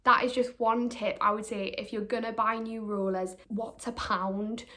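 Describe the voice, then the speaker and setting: A woman's voice: a little high, flat delivery, moderate pace, sharp tone. Chatty young woman vlogging. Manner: chatty, filler-heavy, self-deprecating, swears casually. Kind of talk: casual chat to camera. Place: living room being painted.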